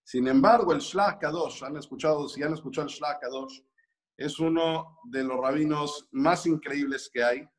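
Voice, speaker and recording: A man giving a religious lesson, explaining and telling a story in an animated way. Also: on the high side, moderate pace. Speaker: religious teacher.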